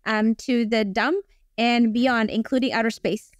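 A woman's voice: fairly high pitch, steady tone, measured pace, no echo. A woman from Indonesia, in her forties, a guest professor talking over a video call with many ums. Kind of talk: casual interview.

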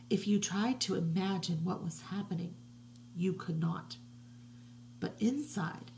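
A middle-aged woman reading a picture book aloud to children from her living room, slow and hushed with soft whispery passages, recorded on a webcam. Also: on the low side, gravelly, slight background noise, poor audio. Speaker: children's religious educator. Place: living room at home, indoors. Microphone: webcam at desk distance.

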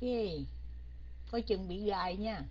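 A woman's voice: medium pitch, fairly even intonation, takes it slowly, highs cut off. A woman teacher leading an online English grammar lesson, coaxing and quizzing her students and slipping English words in.

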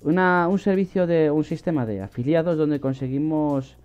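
A man's voice: fairly high pitch, moderate pace, a little mellow, clean tone. A man giving a casual screen-recorded walkthrough of a website, with frequent fillers and restarts. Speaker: online money-making channel host. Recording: slightly dull lo-fi audio with faint music.

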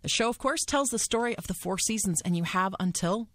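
A woman's voice: medium pitch, animated, brisk, fairly bright tone, dry recording. A woman radio host asking friendly, conversational questions in a studio. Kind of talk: radio interview.

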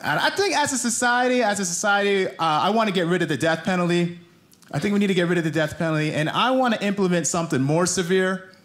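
On a theater stage before an audience, a thirty-something comic from New Jersey works a handheld mic, his high-pitched, animated, fairly bright voice carrying a chatty routine. He uses deliberate pauses and acts out quotes, with crowd noise audible on the live recording.

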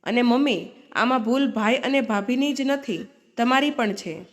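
A firm, outspoken grown daughter, read by a woman storyteller, who speaks up for her mother in a storybook tale. Her voice sits somewhat high and stays close to a plain reading voice. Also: normal speed, lightly acted. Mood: confronting. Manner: firm, scolding.

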